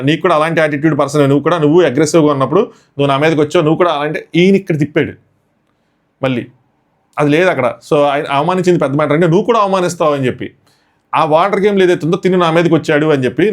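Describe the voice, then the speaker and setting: A man recapping a reality show episode in a fast, breathless commentary, sprinkling English words into his storytelling. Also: a little high.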